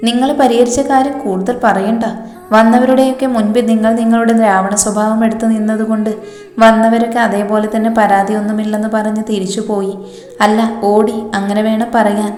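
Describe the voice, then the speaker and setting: A woman's voice: mid-range voice, flat delivery, brisk, darkish tone, lightly acted. A woman voicing an exasperated young mother who scolds and complains sharply, in a storybook reading. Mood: scolding. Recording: reverberant room, faint music behind.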